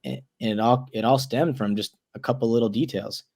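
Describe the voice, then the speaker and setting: His voice is mid-range and gravelly, a little fast: a wrestler in his twenties, guesting in a casual interview. He speaks earnestly and his words tumble over each other when he gets excited.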